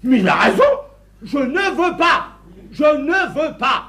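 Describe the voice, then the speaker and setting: A man's voice: high voice, sing-song, quick pace, fairly bright tone. A man playing an indignant, jealous man in a stage farce, with sputtering, flustered outbursts. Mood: exasperated. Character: indignant, jealous man losing his temper. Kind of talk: filmed stage farce acting. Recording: theatre audience laughter.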